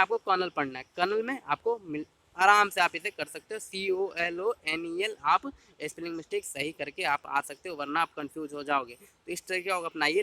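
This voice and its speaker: A man's voice: sits high, sharp tone. A man tutoring exam students in a casual explainer style, repeating points and addressing the viewer directly.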